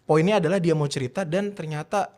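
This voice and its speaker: A man, a guest telling about his content in a relaxed, earnest, slangy way. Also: on the high side, fast talker. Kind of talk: casual interview chat.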